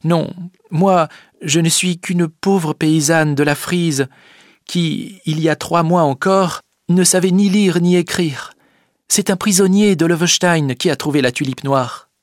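A man voicing an earnest young peasant girl in a storybook reading, speaking in a high, strained voice. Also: unhurried, no echo, studio quality, lightly acted.

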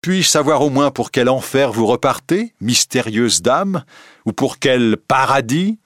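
Storybook figure: jealous young man , voiced by a male reader, raging and scornful, pitched up. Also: steady tone, normal speed, no room sound, studio quality, natural voice. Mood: bitter. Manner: angry, bitter, ironic outbursts.

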